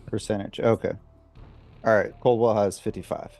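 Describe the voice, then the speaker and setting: A man's voice: on the low side, steady tone, normal speed, creaky, darkish tone, faint music behind. A man chatting casually as a player in a tabletop role-playing game.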